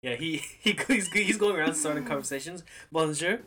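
A man's voice: fairly high pitch, lively intonation, a little fast, a crowd in the background. A man co-hosting a casual podcast, speaking hesitantly with many short agreements. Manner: hesitant, laughing, lots of small agreements. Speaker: podcast co-host.

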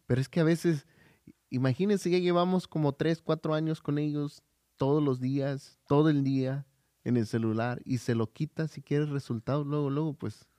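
A man's voice: fairly high pitch, fairly even intonation, normal speed, mellow, no echo, clean studio sound. A man co-hosting a podcast in casual chat, hesitant with frequent fillers and restarts, telling personal stories. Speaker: podcast co-host.

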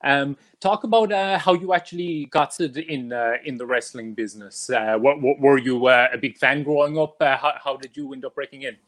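A man's voice: medium pitch, fairly even intonation, normal speed, few pauses, fairly bright tone. Hesitant male interviewer. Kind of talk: interview questions.

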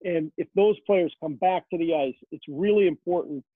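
A man's voice: a little high, moderate pace, no echo. A man who works as a rinkside hockey reporter answers interview questions in a chatty, storytelling way, full of "uh" fillers. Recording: tinny phone line.

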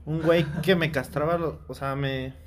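A young man with a Mexican accent, telling an animated, slangy story in casual chat. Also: fairly high pitch, moderate pace.

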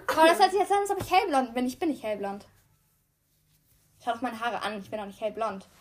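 High-voiced young woman, chatty and defensive. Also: a bit bright. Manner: chatty, quick to laugh and protest. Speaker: co-host. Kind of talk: casual chat game.

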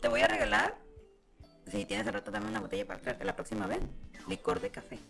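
A woman's voice: mid-range voice, quick pace, creaky, faint music behind. A woman with a Mexican Spanish accent chatting casually and telling stories playfully on a podcast. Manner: lively storytelling, playful. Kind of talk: casual chat.

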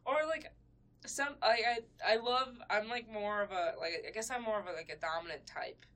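Co-hosting a laid-back podcast, this young woman wanders through casual chat with frequent laughter, fillers, and restarts. She talks at a normal speed in a medium-pitched, slightly bright voice.

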